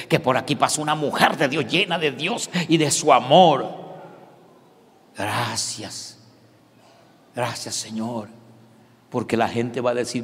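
Venezuelan pastor preaching live, mid-pitched, loud one sec then whispering, big echoey church. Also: male voice. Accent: Venezuelan Spanish. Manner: dramatic, swinging from shouts to whispers. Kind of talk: live sermon. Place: large church hall. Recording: long reverb of a large church hall.

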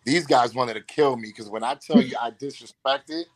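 A man's voice: medium pitch, normal speed. A man, an actor telling stories in a casual interview and acting out the lines he quotes. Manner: animated storyteller, acts out quotes.

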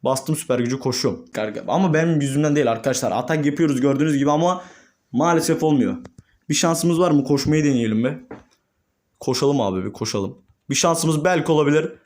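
A young man, a gaming YouTuber, commentating his own gameplay and swinging between calm murmurs and excited shouts. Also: on the high side, fast talker.

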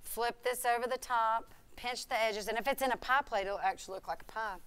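A woman's voice: on the high side, a little fast, fairly bright tone, clear, resonant tone. A middle-aged woman, a cafe cook, chattily walking through a recipe step by step on a TV studio kitchen set. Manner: chatty, walks through steps while working with her hands. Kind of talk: cooking demonstration on TV.

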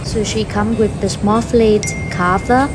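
This woman food vlogger has a Vietnamese accent and reviews food in voice-over, using English as a second language. Her mid-range voice keeps a fairly even intonation as she talks slowly, simply and kindly over music.

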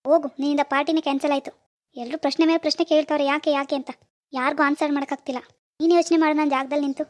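A woman's voice: high voice, fairly even intonation, rapid-fire, lightly acted. A woman voicing a stern young husband in a cartoon, speaking in a firm, scolding manner.

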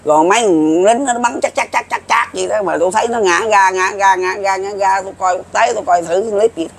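A man in his seventies with a Southern Vietnamese accent comments on folk prophecy in a casual monologue to viewers. His voice is high, brisk and gravelly, and he rambles in a folksy way, repeating himself.

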